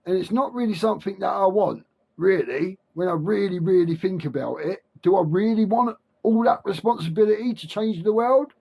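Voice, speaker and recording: Toothless, gummy-voiced man rambling, higher-pitched. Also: animated, vocal fry, husky. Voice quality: toothless, gummy articulation with soft consonants. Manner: halting, repetitive, self-questioning, informal. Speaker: self-help video creator. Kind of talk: rambling spiritual monologue to camera.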